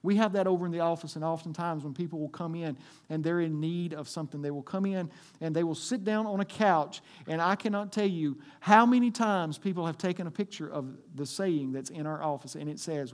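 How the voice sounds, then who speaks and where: A man preaching to his church congregation, his voice sitting a bit high for a man. He swings between loud, emphatic lines and quiet, hushed stretches. He is delivering a sermon. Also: a little fast. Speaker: pastor.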